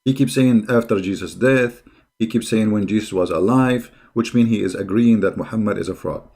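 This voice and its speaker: Brisk and fairly low, this man's voice carries a darkish tone. He hosts a religious debate channel, speaks English as a non-native, and comes across as sarcastic and combative, mocking what he reacts to and repeating rhetorical questions.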